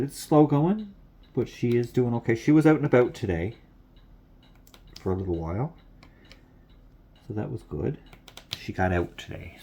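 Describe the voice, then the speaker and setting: In a lamp-lit room at home late at night, a stuffy-sounding man records a casual craft vlog chat, rambling and saying things twice. His voice is low and somewhat mellow, with a slight hiss or hum behind it.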